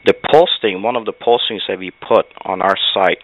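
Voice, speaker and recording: A man speaking as a guest analyst in an interview, measured and emphatic, with frequent fillers. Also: low voice, fairly even intonation, muffled recording. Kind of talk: interview commentary.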